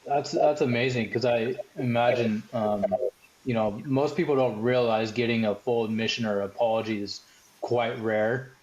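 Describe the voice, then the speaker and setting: A man's voice: medium pitch, steady tone, normal speed, a little mellow. A male podcast host and lawyer, asking thoughtful, affirming questions with light hesitations. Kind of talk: interview questions. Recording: dull lo-fi sound.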